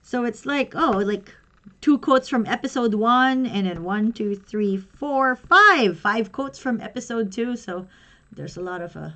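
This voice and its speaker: A woman's voice: a little high, animated, measured pace, bright, forceful tone. A young woman and pro wrestler chatting casually on a livestream as she unboxes something, rambling and giggling as she goes.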